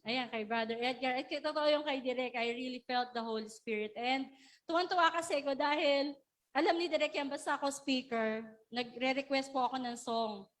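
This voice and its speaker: Woman, pastor, high voice, lively and laughing, rousing sermon to a church. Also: normal speed. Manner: lively, laughing, calls on the congregation to shout. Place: church service.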